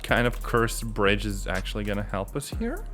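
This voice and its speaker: A man's voice: fairly low pitch, wildly swooping pitch, moderate pace, a bit bright. A man streaming a game, thinking aloud in casual commentary with mild grumbles, game music playing behind. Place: home streaming setup.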